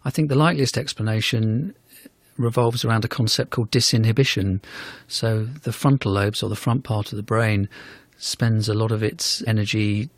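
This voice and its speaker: A man, a neurology professor, explaining in a radio interview in a measured, thoughtful way, often softening his points with "sort of". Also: lowish voice, dry recording. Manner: measured, thoughtful, fond of hedges such as "sort of".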